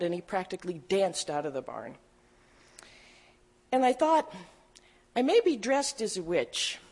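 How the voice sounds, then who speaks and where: A middle-aged woman preaches from the pulpit, leading into her message with a personal story. Her delivery is relaxed and conversational, with touches of gentle humor, and her voice sits at a typical pitch for a woman. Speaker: pastor. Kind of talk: sermon.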